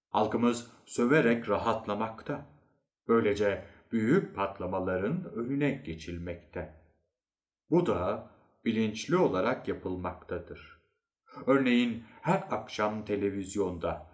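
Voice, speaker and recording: A man playing a lecturing thin psychologist. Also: lowish voice. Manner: measured, lecturing. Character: calm, lecturing male psychologist, tall and thin. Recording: echoey room.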